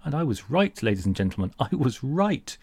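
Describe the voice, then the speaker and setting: A man's voice: mid-range voice, sing-song, brisk, a little mellow, breathy edge, no echo. A British man delivering a comedic rant as a monologue, mock-pompous, sarcastic and exasperated. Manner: mock-pompous, grandiose phrasing. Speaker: humorous monologue host.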